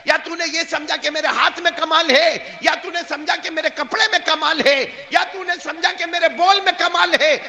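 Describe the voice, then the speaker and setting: A man's voice: sits high, big pitch swings, few pauses, bright, forceful tone, big-room sound, full character voice. A man voicing a stern old male saint with fervent, impassioned declarations.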